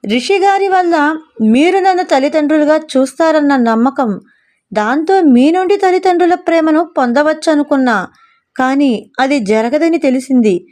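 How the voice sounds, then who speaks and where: Give me a woman doing a self-sacrificing young woman pleading through heartbreak, in a high storybook voice. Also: moderate pace, darkish tone, close to an everyday voice.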